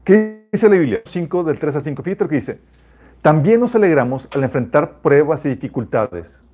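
A man's voice: a little high, very animated, normal speed, a little mellow, faint music behind. A man giving an informal, conversational sermon built on personal testimony, calling his listeners "chicos" and breaking into laughter. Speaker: preacher.

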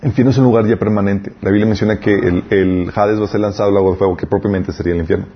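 Man, Bible teacher, husky voice, conversational, checks with the class, muffled lo-fi recording. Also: on the low side, fairly even intonation, racing. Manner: conversational, asks the class for confirmation.

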